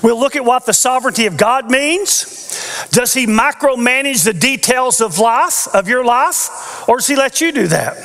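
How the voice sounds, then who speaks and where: On a big church stage with an audience, an older male pastor wearing a headset mic gives an earnest teaching sermon sprinkled with playful asides. He speaks at a moderate pace in a very high-pitched, animated, slightly bright voice. The sound carries the long reverb of a large church hall.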